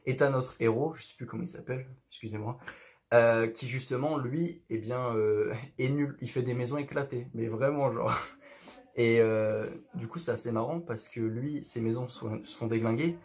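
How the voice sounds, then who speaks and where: A man's voice: medium pitch, normal speed, a little mellow. A young man talking casually to camera in his bedroom, rambling with lots of fillers and restarts. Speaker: youtuber.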